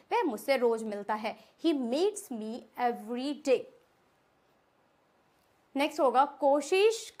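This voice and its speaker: A woman teaching English verbs, repeating each form slowly and asking the viewer questions. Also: high voice. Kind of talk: spoken English lesson.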